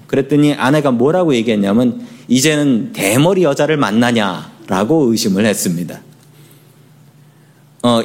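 A middle-aged man preaching a sermon as pastor, leading the congregation in responses and telling light anecdotes. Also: a little high. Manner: leads congregation in responses, tells humorous anecdotes.

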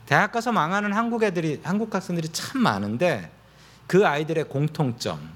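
A man's voice: fairly high pitch, sing-song, fairly quick, a bit bright. A male pastor delivering an emphatic sermon, acting out quoted voices.

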